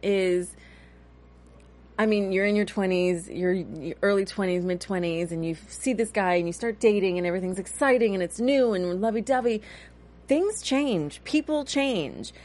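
A woman in her thirties hosting a casual TV recap chat, talking in a chatty, animated way with a touch of cynicism. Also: medium pitch, normal speed. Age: 30s. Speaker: host.

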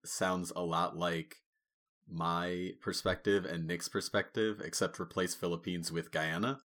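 A man's voice: low-pitched, level tone, measured pace, a bit bright. A man who grew up in the United States, co-hosting a podcast, enthusiastic and appreciative toward his guests. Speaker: podcast co-host. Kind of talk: casual chat.

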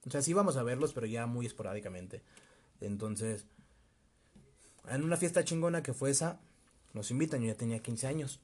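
A young man with a Mexico City accent, telling a personal story in a casual, slangy, animated way with bits of laughter. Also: medium pitch, a little fast, pauses often, husky. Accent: Mexico City Spanish. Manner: slangy, laughing, animated retelling with quoted voices. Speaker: vlogger.

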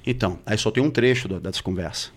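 A man's voice: on the low side, fast talker, slightly rough. A man telling a personal story in casual slangy chat.

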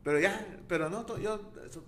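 A man with a Mexican Spanish accent in a casual chat, relaxed and slangy, often cutting in. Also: sits high, fairly quick, a little hiss or hum.

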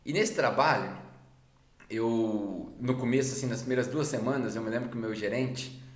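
A man's voice: medium pitch, normal speed. A man from Brazil with a Brazilian Portuguese accent, hosting a podcast and telling personal stories casually. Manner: casual, conversational, acts out quoted dialogue. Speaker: podcast host. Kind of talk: reflective personal storytelling. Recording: roomy echo.

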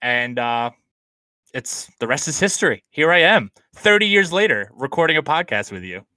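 Bright-voiced man in his thirties hosting. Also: a little high, very animated, no echo. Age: 30s. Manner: upbeat, joking, quick asides. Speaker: podcast host. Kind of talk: casual chat. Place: small apartment at home. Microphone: remote call from a laptop.

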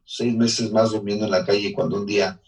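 A man's voice: on the low side, little pitch movement, a little fast, gravelly. Mexican man telling his story, slightly distant. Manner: earnest, emotional storytelling with restarts. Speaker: interviewee. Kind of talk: personal life testimony.

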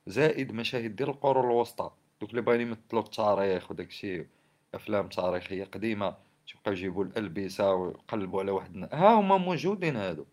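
A man's voice: on the low side, fairly even intonation, racing, a little mellow. A man with a Moroccan Arabic accent giving impassioned social commentary in an indignant, scolding way, firing off rhetorical questions. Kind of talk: impassioned spoken commentary on society and government.

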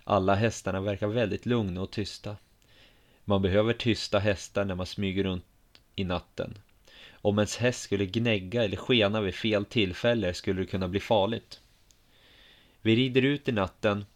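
A man telling a first-person story in a calm, measured, quiet way. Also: lowish voice.

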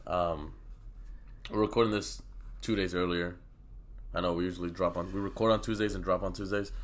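A young man with a low voice, fairly even intonation and a fairly quick pace co-hosts a podcast in casual chat. He is sick and coughing, and he talks in a loose, profane, rambling way.

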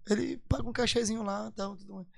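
Guest musician, male, gravelly delivery, emphatic and repetitive, dry close sound. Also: high-pitched, little pitch movement, fast talker, dry recording. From Parintins, Amazonas, Brazil. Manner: emphatic, repeats phrases, slangy. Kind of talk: casual storytelling.

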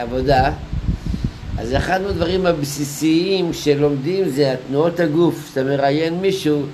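A man, a rabbi, giving a Torah lecture, explaining with stories and rhetorical questions in deliberate, drawn-out phrases. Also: fairly high pitch, darkish tone, slight background noise, poor audio.

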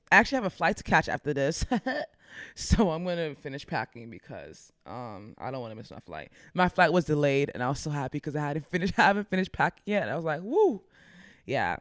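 A woman's voice: sits low, no echo, studio quality. A woman content creator giving casual, upbeat advice in a chatty way, laughing often.

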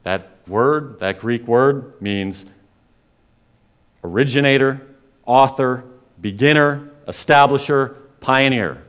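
A man preaching a sermon as pastor, earnest and pleading, building to emphatic peaks and then dropping quiet. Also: medium pitch, takes it slowly, clean tone.

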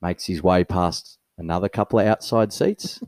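Here an Australian-accented podcast co-host with a low voice talks at normal speed, sharing stories in easygoing conversation. He's animated, laughs a lot, and the audio has no echo.

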